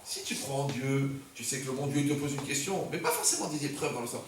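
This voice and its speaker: A man's voice: medium pitch, fast, recorded from a distance. A male rabbi giving a humorous sermon to a congregation, joking and firing rhetorical questions at his listeners. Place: community center hall. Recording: echoey hall recorded from afar, faint noise.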